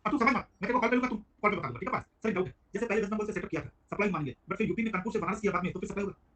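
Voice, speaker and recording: A man teaching a live online tax class, talking quickly and calling on students by name. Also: high-pitched, fairly bright tone. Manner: rapid, chatty, addresses students by name. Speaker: GST teacher.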